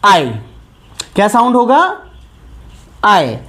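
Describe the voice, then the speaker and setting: A man's voice: high voice, huge pitch swings, fairly bright tone. A man teaching a grammar lesson, patiently repeating sounds and asking his students questions as he goes. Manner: slow and patient, repeats key sounds and asks rhetorical questions. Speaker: Hindi teacher.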